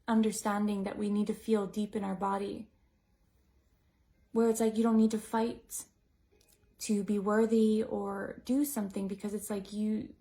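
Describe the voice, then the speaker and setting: A woman leading a breathwork class, talking in a gentle, musing way, full of "like" and "you know". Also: medium pitch, vocal fry. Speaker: breathwork teacher. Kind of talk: reflective teaching talk to a group.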